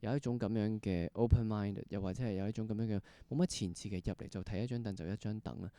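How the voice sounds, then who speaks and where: Speaking fast in a lowish, mellow voice on a dry recording, a man with a Hong Kong Cantonese accent hosts a podcast interview. He keeps it conversational and exploratory, feeling his way through long questions that he rephrases at length.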